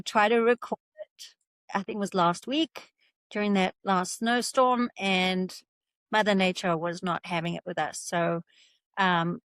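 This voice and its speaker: A woman's voice: mid-range voice, fairly bright tone, no echo. Chatty woman podcast host, dry sound. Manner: chatty, laughs often, many fillers. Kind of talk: casual interview chat.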